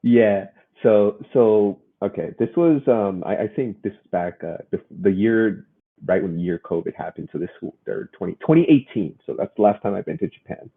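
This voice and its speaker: A man co-hosts a casual gaming podcast, wandering through his stories with lots of restarts. His voice sits a bit low and comes across husky. The sound is thin and phone-like. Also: moderate pace. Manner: rambling, many restarts. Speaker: podcast co-host. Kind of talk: casual chat. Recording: phone-like muffled audio.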